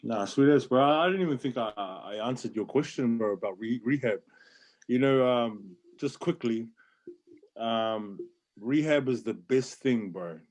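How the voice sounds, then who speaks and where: Male, late 40s, New Zealand accent. Candid, earnest podcast guest, mid-pitched, casual and repetitive for emphasis. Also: a little slow, a little mellow, low-quality recording. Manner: earnest, repeats phrases for emphasis, peppers talk with "bro". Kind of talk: casual, candid personal chat.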